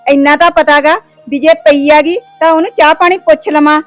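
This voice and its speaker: A woman's voice: sits high, steady tone, brisk, a bit bright, dry recording, soft background music. A woman playing a bossy sister-in-law who scolds and orders people around. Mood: scolding. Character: bossy sister-in-law, sharp-tongued and demanding. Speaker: actor. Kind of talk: village short-film acting.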